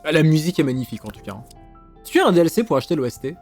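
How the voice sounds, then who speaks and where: A man streaming a video game, chatting casually and excitedly, swearing and thinking out loud. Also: a little high, rapid-fire. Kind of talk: casual let's-play commentary. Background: faint game music.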